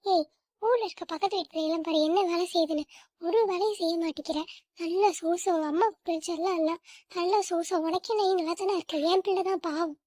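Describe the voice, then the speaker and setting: A woman's voice: extremely high pitch, steady tone, fairly quick, dark tone, dry recording, clean studio sound. A woman voicing a bitter old grandmother in a family skit, harsh and nagging, scolding her grandchild with contempt. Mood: scornful.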